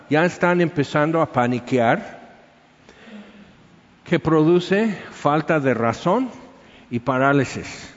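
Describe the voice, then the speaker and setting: A man preaching a sermon, telling stories in a lively way and acting out little scenes as he goes. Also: on the high side. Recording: echoey hall, dull sound.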